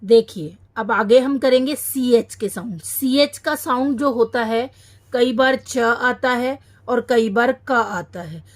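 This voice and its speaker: A woman teaching a children's phonics lesson, sounding out each syllable slowly and repeating every word. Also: on the high side.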